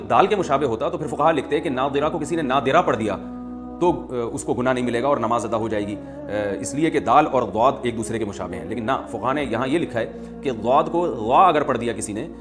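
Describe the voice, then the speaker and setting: A man, an Islamic scholar, calmly explains a point of Quranic pronunciation in a question-and-answer talk, pausing often with fillers. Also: mid-range voice. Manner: explanatory, measured, with many "aa" fillers. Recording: music playing under the voice.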